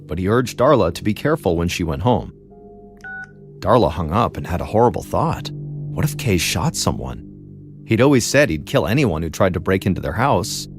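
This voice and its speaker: A man hosting a podcast, telling a true crime story in a measured, dramatic way with pauses. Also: low voice. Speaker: podcast host and narrator.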